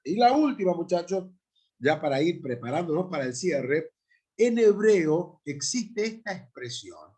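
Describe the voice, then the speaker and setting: A middle-aged man with an Argentine accent, a pastor teaching a Bible class in an emphatic way, often checking in with his listeners through tag questions. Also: fairly high pitch. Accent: Argentine Spanish. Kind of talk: Bible institute lecture.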